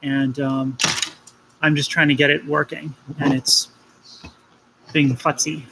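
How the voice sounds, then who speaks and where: A woman's voice: low voice, little pitch movement, slow pace, noisy background. A woman streaming an electronics project, thinking aloud with hesitant ums while she works. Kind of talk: casual live-stream tinkering talk.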